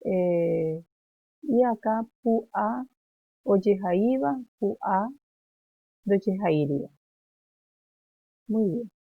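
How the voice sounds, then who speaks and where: Slow, gravelly-voiced woman teacher on a tinny line. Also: medium pitch, animated, no room sound. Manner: slow, halting, with many fillers and restarts. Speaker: primary school teacher. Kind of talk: classroom lesson.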